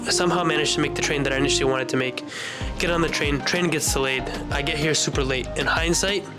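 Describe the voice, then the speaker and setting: A young American man giving a casual travel vlog recap, relaxed and chatty with lots of "like" fillers. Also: a little high, fast talker. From United States. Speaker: travel vlogger. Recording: loud music bed behind voice.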